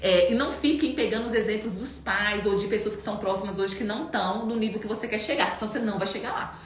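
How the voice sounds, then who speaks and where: Animated woman host in her thirties, fast and lively, echoey room. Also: mid-range voice. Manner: animated storytelling. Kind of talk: casual chat. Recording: echoey room, faint background noise.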